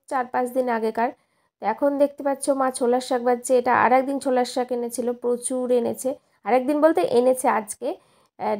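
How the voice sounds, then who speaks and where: A young woman talking casually through her day, rambling and stopping to correct her own words. Her voice sits a little high but sounds mellow and gravelly. She narrates the way you would talk to a friend. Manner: chatty, rambling, self-correcting. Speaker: vlogger and schoolteacher.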